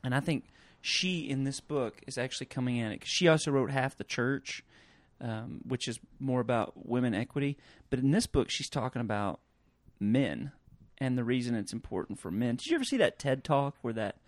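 A man co-hosting a podcast in casual chat, talking in a relaxed way with many fillers and pauses. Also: medium pitch, dry recording. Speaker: podcast co-host.

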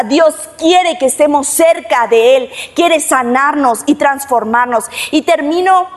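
A woman preaching a sermon online, earnest and talking straight to the listener with repeated questions. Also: high-pitched. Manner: earnest, keeps asking the listener directly. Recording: long reverb with soft music.

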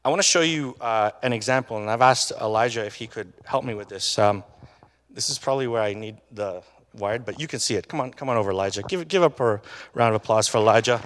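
This pastor's mid-range voice is a bit bright and fairly quick as he delivers a conversational sermon. He restarts sentences and keeps tacking questions onto his points for the congregation, all under a hall's long reverb.

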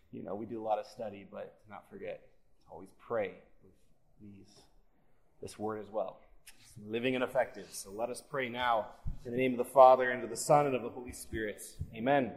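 Man teaching Bible class, digital echo on voice. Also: medium pitch. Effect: digital echo effect on microphone. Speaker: Bible study teacher leading prayer. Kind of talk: informal class teaching and prayer. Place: class session, live group. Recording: odd echo effect on class recording.

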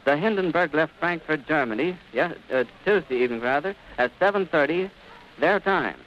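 A man's voice: a little high, expressive, normal speed. A man reporting live as a radio commentator outdoors at an airfield, in a vivid, descriptive old-time announcer delivery. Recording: muffled noisy 1930s archive recording.

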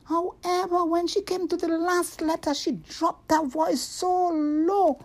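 A woman narrating a scripted story for children, with deliberate, expressive delivery. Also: extremely high pitch.

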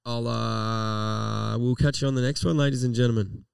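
A man's voice: medium pitch, little pitch movement, normal speed, creaky, smooth, dry recording, studio quality, distant mic. An Australian man co-hosting a casual live podcast, talking in slangy, laid-back language with plenty of swearing. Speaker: podcast co-host.

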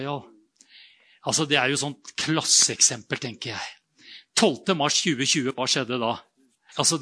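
A middle-aged male pastor preaching a sermon and telling a story, moving from quiet talk to loud exclaimed bursts. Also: mid-range voice.

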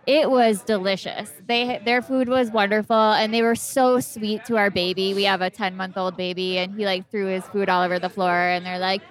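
A woman's voice: medium pitch, steady tone, moderate pace, hardly any pauses. A woman chatting as a podcast guest, playful and giggly. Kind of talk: casual podcast chat.

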